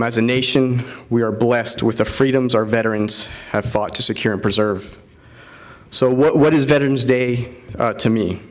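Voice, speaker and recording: A man in his thirties from Florida, an army officer giving an earnest ceremonial keynote speech with frequent fillers. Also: medium pitch.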